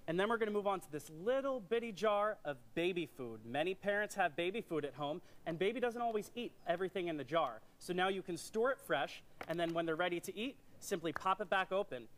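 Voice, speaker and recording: Male home shopping pitchman, notably high register, rapid delivery, explains each demonstration like a salesman. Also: expressive, fairly bright tone, slight background noise. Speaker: product presenter on home shopping.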